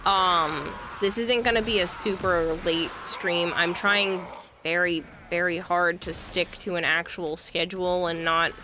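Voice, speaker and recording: A woman's voice: fairly low pitch, sharp tone, a little hiss or hum. A young adult woman streamer chatting casually and rambling with lots of fillers during a livestream.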